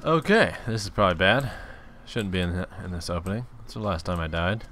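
A man talking to himself as he plays through a game, rambling and joking as he goes, sometimes sliding into a put-on hillbilly drawl. His voice sits low and deep, with a faint hum of noise behind it. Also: lively intonation, fairly quick, fairly bright tone. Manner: rambling, joking self-talk; slips into mock hillbilly drawl. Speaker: let's play gamer. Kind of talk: casual gameplay commentary.

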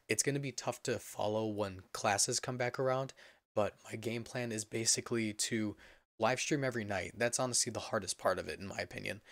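Young man, low pitch, hoarse voice giving out, casual gaming vlogger, rambling delivery, dry room sound. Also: no room sound. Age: young adult. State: hoarse, voice giving out from being sick. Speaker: gaming channel host. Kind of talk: casual update vlog. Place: indoor room at a computer.

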